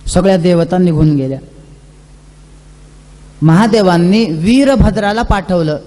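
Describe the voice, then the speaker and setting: A man's voice: sits high, lively intonation, unhurried, dark tone. A man giving a devotional scripture discourse, chatty, acting out dialogue and chanting verses. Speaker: religious storyteller. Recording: reverberant hall.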